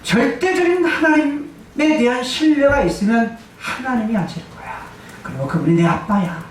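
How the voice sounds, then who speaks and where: High lively man preaching a sermon. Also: moderate pace, a little hiss or hum. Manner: emphatic, asks and answers his own questions. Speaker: pastor. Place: church sanctuary. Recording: echoey church hall, distant mic.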